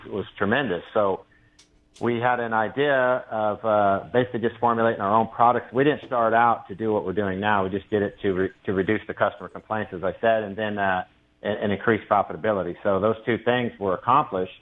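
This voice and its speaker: A man calling in to a local radio show. He talks casually about his business, pausing often with "uh". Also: lowish voice, fairly even intonation. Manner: hesitant, many "uh" fillers. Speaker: caller, local business owner. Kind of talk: casual call-in chat. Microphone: telephone. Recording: tinny phone line.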